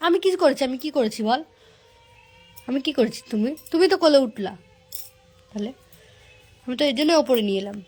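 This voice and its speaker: A young woman with a high voice talks to her snapping pet dog. She coaxes and pleads, repeating the same short phrases again and again. Faint music plays underneath. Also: expressive, brisk, long pauses, darkish tone. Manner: soothing and pleading with repeated words. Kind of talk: coaxing talk to a pet.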